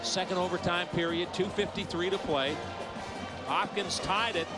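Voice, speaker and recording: A male sports announcer gives live lacrosse play-by-play. His voice sits a little high, and loud music-like game sound runs behind it. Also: normal speed.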